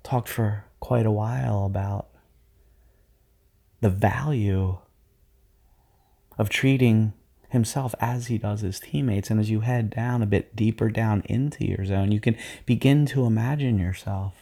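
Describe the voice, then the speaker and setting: A man leads a guided visualization for athletes in a calm, hypnotic cadence. His voice sits low and carries a noticeable vocal fry. His tone is mellow, and he sounds like a sports coach easing listeners into focus. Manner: slow, soothing, hypnotic delivery.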